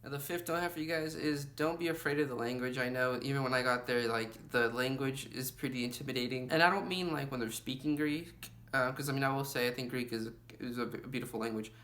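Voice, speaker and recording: A man's voice: medium pitch, fast, fairly bright tone. A young man vlogging travel advice in a casual, rambling way, full of "you know" and "like". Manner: chatty, lots of fillers like "you know" and "like". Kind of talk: casual travel tips to camera.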